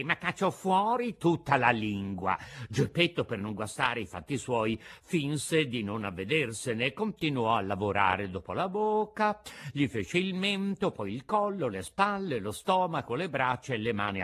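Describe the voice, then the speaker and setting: A man narrating a storybook in a lively, theatrical and playful way. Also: fairly high pitch. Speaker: audiobook narrator.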